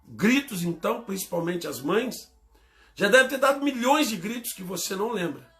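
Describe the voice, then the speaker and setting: High-voiced Brazilian pastor preaching. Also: male voice, lively intonation, moderate pace. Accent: Brazilian Portuguese. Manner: preaching with swings between loud emphatic bursts and quiet low asides. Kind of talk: sermon.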